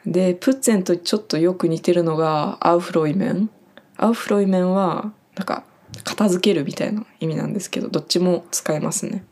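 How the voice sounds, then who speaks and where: A woman's voice: on the low side, darkish tone. A young Japanese woman from Japan who works on a farm, casually explaining German words she uses on the job, with lots of fillers. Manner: chatty, friendly explaining with many fillers. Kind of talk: casual spoken lesson.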